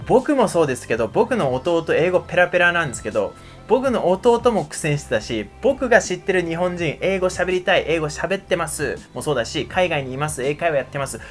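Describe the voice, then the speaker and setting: A young man from Japan runs a casual, upbeat pronunciation lesson. He talks with a very lively, up-and-down voice and keeps breaking off to demonstrate sounds. Soft background music plays faintly under his talk. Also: high-pitched. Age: 20s. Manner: energetic, chatty, repeatedly demonstrating sounds. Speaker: English pronunciation teacher.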